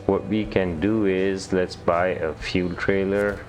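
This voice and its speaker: Gamer guy, very low voice, laid-back play-by-play with hesitant restarts, faint music under it. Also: takes it slowly. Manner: relaxed, thinking aloud, hesitant restarts. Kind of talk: gameplay commentary.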